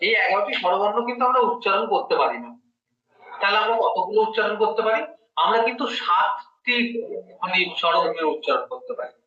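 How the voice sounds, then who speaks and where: A man with a high-pitched, bright, forceful voice and lively intonation teaches Bengali grammar one-on-one at a brisk pace, explaining step by step and quizzing his student. The mic sits at a distance in a dull, echoey room.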